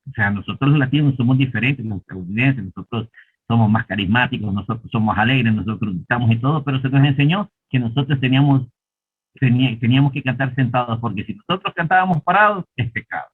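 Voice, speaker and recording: A man's voice: mid-range voice, quick pace, slightly rough. A man in a church class telling a personal story in an earnest, reflective way. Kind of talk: personal testimony in a class discussion. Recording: tinny phone-like line.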